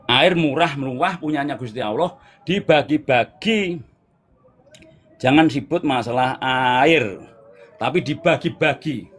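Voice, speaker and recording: A man with a Javanese accent gives a relaxed spiritual talk in short, repeated phrases and answers viewers' comments on a live stream. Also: a little high. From Java, Indonesia.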